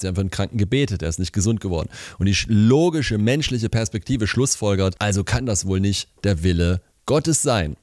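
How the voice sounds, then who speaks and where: Low-voiced man giving casual Bible teaching. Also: a little mellow, dry recording, studio quality. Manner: conversational, emphatic, asks rhetorical questions. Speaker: preacher.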